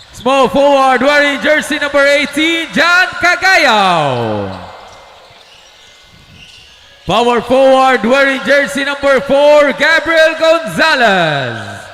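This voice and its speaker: A man announces in a sports arena with a very high, ringing voice. He works like a fighting game announcer, swooping through drawn-out, shouted calls with showman flair. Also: slight background noise. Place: large indoor basketball arena over PA.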